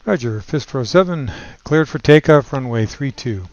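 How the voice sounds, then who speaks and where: A man at mid pitch keys up his cockpit headset and reads back clearances in clipped, formulaic pilot radio phrasing. The headset mic sounds dull and lo-fi, with music running clearly underneath. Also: lively intonation, moderate pace, darkish tone, no echo. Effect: pilot radio calls through a cockpit headset mic. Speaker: flight simulator pilot. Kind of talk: radio calls to air traffic control.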